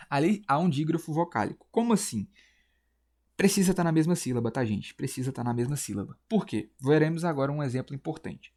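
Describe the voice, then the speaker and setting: A Brazilian man teaching a relaxed exam-prep class, chatty and full of slang. His pitch swings up and down with plenty of life as he explains. He keeps tagging his points with quick check-ins to his students. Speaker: Portuguese teacher. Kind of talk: casual exam-prep lesson.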